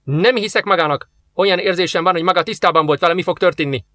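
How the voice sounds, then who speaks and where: Guy putting on a cranky russian officer dude, higher and louder, snapping orders. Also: no room sound, studio quality. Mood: angry. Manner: barking, impatient, sarcastic. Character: gruff angry male Russian officer.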